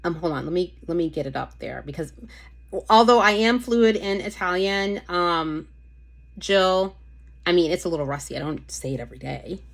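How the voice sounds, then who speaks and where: A woman with a somewhat low voice hosts a relaxed live stream, chatting freely with the people watching. She reads their comments aloud and keeps breaking off mid-thought to fetch things or answer someone. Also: normal speed, creaky. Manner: chatty, easily distracted, talks to viewers and reads comments aloud. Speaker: livestream host showing nail polish. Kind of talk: casual live-stream chat.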